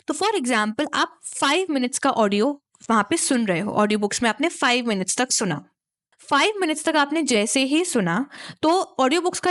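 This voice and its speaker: An English teacher with an Indian accent explains a speaking lesson chattily, repeating points and checking in with "right?". Her voice is on the high side.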